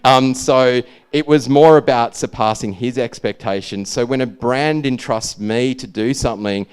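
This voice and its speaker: At a normal speed and in a clean, mid-range voice, the Australian speaker chats informally about his brand's work, his easygoing drawl drifting from point to point.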